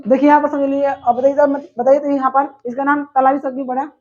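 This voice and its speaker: A high-pitched woman teaches a grammar class. She drills her points by asking a question and answering it herself. The recording is dull and lo-fi. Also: level tone, fast, a little mellow.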